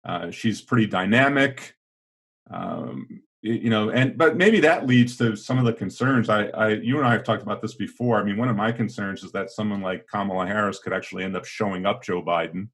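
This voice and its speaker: Middle-aged male co-host, low-pitched, deliberate talker who hedges and restarts often, casual political podcast chat. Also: a bit bright. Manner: thinking aloud, hedging with fillers and restarts. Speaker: podcast co-host, former teacher.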